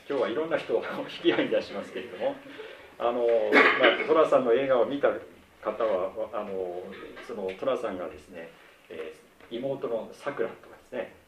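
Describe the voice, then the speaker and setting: A middle-aged man preaching a sermon in a conversational, measured way, acting out the quoted lines. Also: on the low side, a little hiss or hum. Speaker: pastor. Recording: roomy, distant mic with faint ambience.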